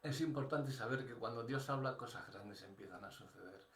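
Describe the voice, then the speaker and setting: A man's voice: mid-range voice, normal speed, a bit bright, echoey room. An older man with a Spain Spanish accent preaching a sermon as pastor, conversational, thinking aloud with restarts and asides.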